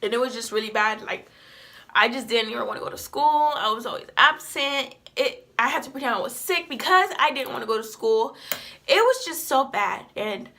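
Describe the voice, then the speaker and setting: A woman in her twenties telling a personal story to the camera in a halting, emotional, rambling way. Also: a little high, lively intonation, bright, forceful tone. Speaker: vlogger.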